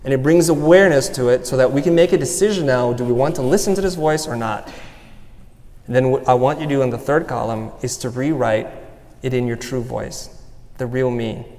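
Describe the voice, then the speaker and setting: A man's voice: mid-range voice, a little fast, darkish tone. A man giving a motivational talk on stage, earnest and personal as he walks the audience through an exercise. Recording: long hall reverb.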